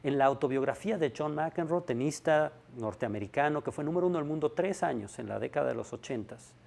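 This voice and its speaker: A man's voice: fairly high pitch, expressive, a little fast, gravelly, a little mellow. A man giving a monologue lecture on personal development, stressing key points by repeating them and asking rhetorical questions.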